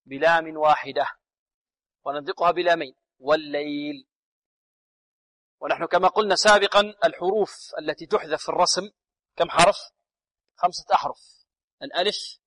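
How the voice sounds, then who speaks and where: A man teaching Quran recitation on a radio lesson. He chants verses slowly, then explains the rules, asking his students questions and answering them himself. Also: fairly high pitch, fairly bright tone, low-quality recording.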